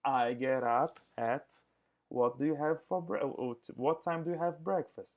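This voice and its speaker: Over a video call, a male teacher leads an English review class, mixing English and Portuguese. His mid-range, slightly mellow voice alternates between explanations and slow, careful English words he drills for students to repeat.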